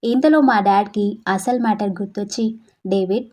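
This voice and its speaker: A woman narrating a dramatic story in a lively, expressive way. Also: medium pitch, normal speed, husky.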